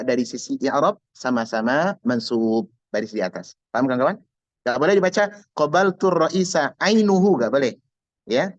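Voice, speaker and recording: A man's voice: medium pitch, no room sound, muffled recording. A man teaching an Arabic grammar class online, explaining patiently and repeating key words step by step.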